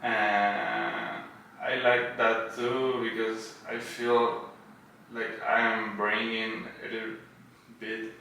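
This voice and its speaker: A native Spanish speaker from Buenos Aires, this tattoo artist chats casually as a podcast guest, phrasing his English hesitantly with an Argentine accent. His voice is fairly low, slow and level, bright and forceful in tone. Faint noise and roomy echo come through the distant mic.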